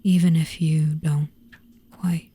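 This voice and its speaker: A performer voicing a sly, teasing, gentle cat in a hypnotic roleplay, with a slow, breathy, coaxing whisper. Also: medium pitch, flat delivery. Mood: softly coaxing.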